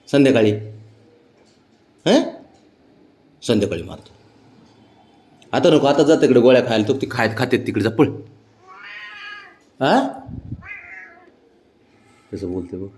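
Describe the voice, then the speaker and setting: A young man talking affectionately to his cats at home, coaxing them in baby talk that soars into a high sing-song when he greets them. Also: darkish tone, a little hiss or hum. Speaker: cat owner. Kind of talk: casual talk to pets.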